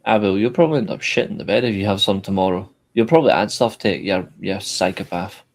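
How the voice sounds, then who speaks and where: A man's voice: lowish voice, fast talker. A man, chatting casually on a podcast in a blunt, joking way and swearing freely. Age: 20s. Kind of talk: casual chat.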